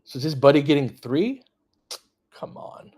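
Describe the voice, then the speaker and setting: Reacting as a partisan fan to plays and chat, this former high school coach runs a basketball live stream with loose play-by-play and conversational, cursing opinions. His voice leans high and is expressive, with a darkish tone and a measured pace.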